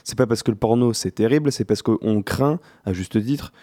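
A man's voice: fairly low pitch, normal speed, warm tone, no room sound, studio quality. A man on a discussion panel explaining his views in casual, slangy, emphatic speech with repeated phrases.

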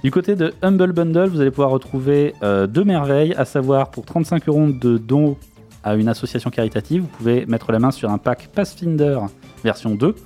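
Mellow-voiced French man on radio. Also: mid-range voice, fairly quick. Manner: relaxed, joking, with fillers. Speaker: radio show co-host giving role-playing game news. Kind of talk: casual radio chat. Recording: radio studio with faint music behind.

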